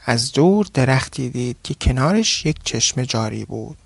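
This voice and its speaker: Male storyteller, gravelly, dry close sound, measured narration. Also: medium pitch, animated, no echo.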